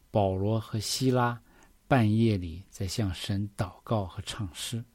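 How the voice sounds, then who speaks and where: A man's voice: fairly low pitch, a little mellow, dry recording. A man preaching a sermon, reading scripture verses and explaining them earnestly, often asking the listeners questions.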